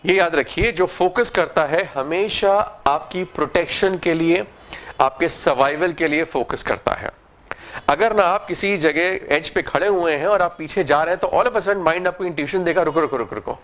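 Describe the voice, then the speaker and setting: A man gives a motivational talk in a voice that sits a little higher than most men's. He explains his ideas through everyday examples and English phrases. He keeps turning to the audience with questions. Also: a bit bright. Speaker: speaker giving a talk.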